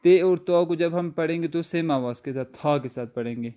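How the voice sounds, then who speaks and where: A man teaching an online language lesson. He asks his students questions, answers them slowly and spells words out letter by letter, with many hesitation sounds along the way. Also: fairly high pitch, mellow.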